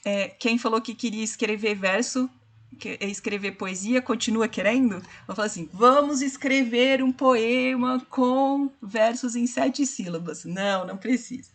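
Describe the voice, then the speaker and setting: Woman literature teacher with a somewhat high voice, unhurried explanatory lecture. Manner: explains slowly, counts syllables aloud, addresses students directly. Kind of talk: online class lecture.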